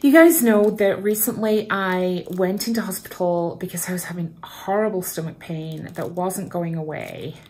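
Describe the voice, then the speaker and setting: A woman with a low voice and a gravelly edge chats to her viewers while repotting plants at home. She is bubbly and self-deprecating, laughs at her own slips, and talks into a camera propped up in front of her. The tone stays casual and easygoing. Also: a little mellow. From Canada. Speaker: plant vlogger.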